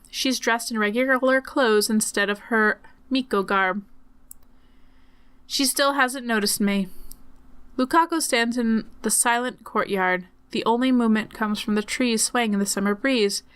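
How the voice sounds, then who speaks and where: A woman reading a visual novel aloud as expressive narration while she plays. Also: a little high, normal speed, clear, resonant tone. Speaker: game player reading aloud.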